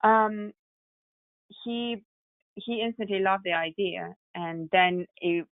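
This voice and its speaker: Slowly and at a medium pitch, a Russian-accented woman describes her journey founding a tech company. She's a podcast guest in a relaxed interview; the sound is muffled and narrow like a phone call, with no room sound.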